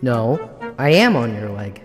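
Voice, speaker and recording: A man voicing a small, eager male flea in an animated storybook, talking in an earnest, chatty way. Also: medium pitch, a little slow. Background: background music.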